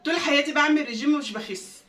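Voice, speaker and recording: A woman's voice: high-pitched, racing, fairly bright tone. A woman with an Egyptian Arabic accent in a home kitchen, chatting casually and directly to her viewers as a cooking vlogger. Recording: roomy, distant from the mic, faint background noise.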